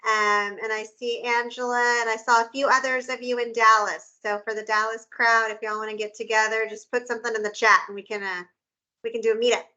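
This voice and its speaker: A woman from South Texas, an executive introducing herself in a warm, neighborly way. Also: a little high, little pitch movement, fairly quick, lo-fi sound. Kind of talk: self-introduction on a video call. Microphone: video call.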